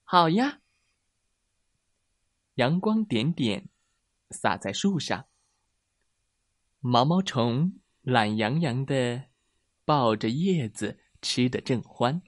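A man narrating a children's bedtime story in a gentle, sing-song way. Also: mid-range voice, animated, slow, long pauses, no echo, clean studio sound.

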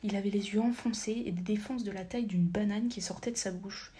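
A woman narrating a story as a whispered audiobook reading, soft and half-whispered, with occasional slips she corrects. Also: medium pitch, steady tone, fairly quick, a little hiss or hum.

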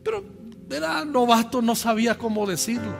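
A Mexican man in his fifties, a pastor telling a personal story in a sermon, lively and humorous, speaking directly to his congregation. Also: very high voice, moderate pace, vocal fry. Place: church. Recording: echoey church hall with soft music behind.

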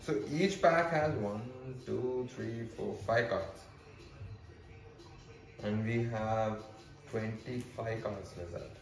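A man's voice: fairly low pitch, slow, vocal fry, pauses often, faint music behind. A young man with an Indian accent talks casually and swears freely while reading out card stats. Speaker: vlogger. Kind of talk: casual card-opening commentary. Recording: echoey room.

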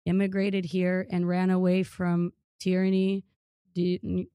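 A woman's voice: fairly low pitch, completely flat delivery, unhurried, warm tone, clean tone, no room sound. Earnest Ukraine-born woman, dry close mic. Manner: earnest, frequent fillers and restarts. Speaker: guest. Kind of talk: casual interview.

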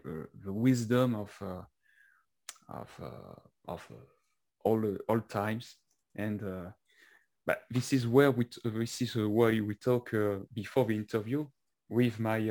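A man with a French accent interviewing a guest, speaking haltingly with many fillers and restarts. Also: lowish voice, a little mellow. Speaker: interviewer and author. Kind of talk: casual conversational interview.

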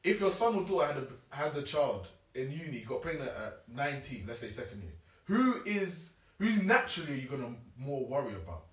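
A man's voice: mid-range voice, very animated, a little fast. A young man with a London accent, chatting casually as he reasons through his points and repeats them for emphasis. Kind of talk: casual chat. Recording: echoey room, distant from mic.

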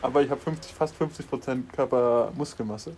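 A young man co-hosting a laid-back podcast with a friend. He talks in an offhand, joking way, often trailing off mid-thought. His voice sits at an ordinary middle pitch. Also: a little fast, darkish tone, a little hiss or hum. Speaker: podcast co-host. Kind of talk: casual chat.

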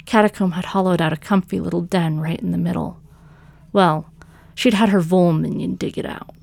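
A woman, the author and narrator of a fiction podcast, reading her own story in a measured way that slows for dramatic lines. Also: fairly low pitch, fairly even intonation, creaky, darkish tone, dry recording.

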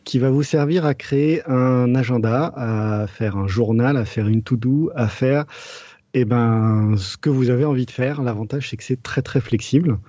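Mellow-voiced man explaining, dull lo-fi sound. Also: medium pitch, normal speed, no echo. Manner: explains step by step with frequent "euh" and repeated words. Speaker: podcast co-host. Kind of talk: casual podcast chat, explaining a topic.

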